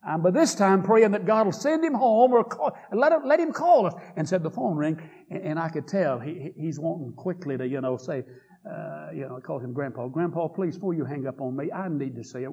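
A man's voice: mid-range voice, creaky, slightly rough, dull audio. A man preaching a sermon, retelling a story with impassioned, rising delivery. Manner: impassioned, rising to loud fervent peaks while retelling quotes.

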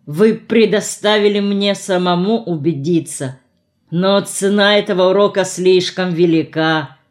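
A woman's voice: on the low side, measured pace, lightly acted. Woman reading a despairing young man. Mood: agitated. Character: despairing young man, usually calm and reserved.

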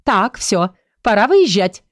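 A woman's voice: medium pitch, very animated, slow pace, dry recording, clean studio sound. A woman voicing a stern, commanding older noblewoman who gives curt orders and grumbles.

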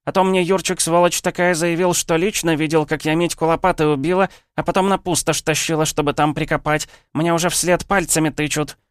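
A man voicing a loud, quarrelsome, hard-drinking village woman of about fifty, yelling and scolding. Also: a little high, fairly even intonation, fairly quick, few pauses, smooth, dry recording, clean studio sound, voice pushed up, natural voice. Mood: shrill scolding.

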